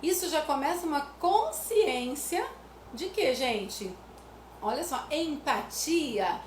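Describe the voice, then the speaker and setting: A woman's voice: sits high, lively intonation, takes it slowly. A woman from Brazil, explaining music activities for children to parents in a chatty way, often adding "né?". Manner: chatty, repeats "né?" often, sings nursery rhymes as examples. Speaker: music educator. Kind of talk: casual teaching talk to parents. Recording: echoey room with faint noise.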